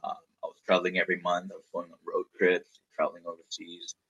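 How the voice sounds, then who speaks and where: With the highs cut off, the audio captures a low-pitched, monotone man talking fast in a bright, forceful, slightly rough voice. He's a Malaysian founder in his thirties telling his story candidly in an interview, rambling and repeating words as he thinks.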